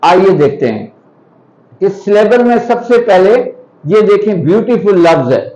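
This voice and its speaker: A man's voice: high-pitched, expressive, unhurried, dark tone, muffled recording. A man teaching an English grammar lesson, patiently explaining step by step with example sentences.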